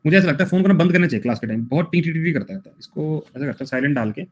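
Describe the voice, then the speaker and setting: A man's voice: a little high, expressive, rapid-fire, breathy edge. A young man teaching a live online class in a casual, chatty way, joking with students between quiz questions. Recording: dull lo-fi sound.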